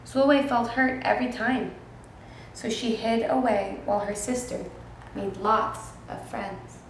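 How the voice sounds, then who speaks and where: Woman teacher, gentle storybook read-aloud, talks to the kids; very echoey room, faint hiss. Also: on the high side, measured pace. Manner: gentle, expressive, asks listeners questions. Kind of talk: children's picture book read-aloud.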